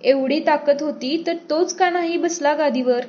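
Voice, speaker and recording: A woman reader voicing an arrogant, drunken male chieftain who mocks and shouts at an envoy. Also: high voice, moderate pace, highs cut off, close to an everyday voice. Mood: sneering. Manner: sneering, mocking, shouting.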